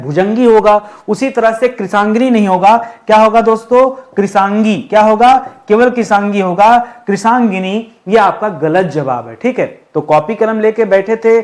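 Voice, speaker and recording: A man teaching Hindi spelling in an online exam-prep lesson, often asking the class rhetorical questions and saying words slowly to spell them out. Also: sits high. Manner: repetitive quizzing with rhetorical questions, addresses viewers as friends.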